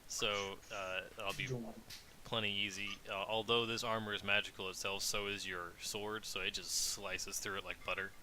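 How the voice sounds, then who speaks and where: Bright-toned man running a tabletop game. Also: fairly low pitch, moderate pace, poor audio. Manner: relaxed, rambling with many fillers. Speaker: dungeon master. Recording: faint hiss.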